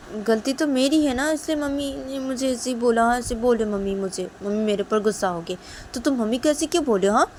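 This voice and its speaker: A woman's voice: fairly high pitch, darkish tone, slight background noise, pitched above the performer's own voice, lightly acted. A woman voicing a guilt-ridden young woman who pleads and scolds her girlfriend. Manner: pleading, quick, raised.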